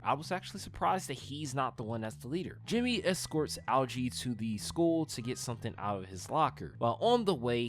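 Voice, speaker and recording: A man narrating a video game review in an informal, explanatory way. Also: mid-range voice. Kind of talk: scripted narration.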